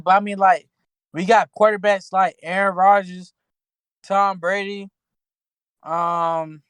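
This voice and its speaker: A man's voice: high-pitched, a bit bright, dry recording. A man co-hosting a sports podcast in loose, slangy casual talk, often restarting his sentences. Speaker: podcast co-host.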